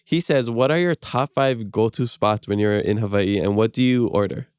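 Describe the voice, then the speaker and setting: A man hosting a casual podcast who keeps up an agreeable, encouraging flow. His voice is smooth and clean, and the sound is dry and close-miked. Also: fairly low pitch, moderate pace, darkish tone, dry recording. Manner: agreeable, encouraging, fills in with "yeah". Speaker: podcast host.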